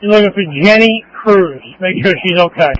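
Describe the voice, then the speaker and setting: A man's voice: sits high, normal speed, a bit bright. A man working as a police dispatcher, heard through a two-way radio, calling out addresses and channel changes in clipped phrases and repeating key details. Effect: two-way police radio transmission. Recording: muffled two-way radio audio.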